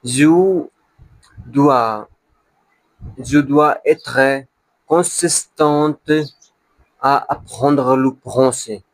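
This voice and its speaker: A man speaks broken, beginner French with a non-native accent, at a very slow pace. He halts to hunt for words and often repeats them, as in a casual practice monologue. His medium-pitched voice is recorded dry, with little room sound. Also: no room sound, poor audio. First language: not French, a beginner learner of French. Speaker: language learner.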